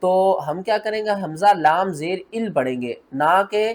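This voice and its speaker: A man teaching Quran recitation rules, explaining each rule patiently step by step and then reciting the examples slowly. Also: high voice, expressive.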